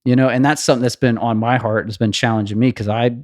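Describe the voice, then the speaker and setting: A man's voice: mid-range voice, steady tone, quick pace, no room sound. Earnest, reflective man on a dry mic. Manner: reflective, earnest, restarts often. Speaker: podcast co-host. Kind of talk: casual podcast conversation.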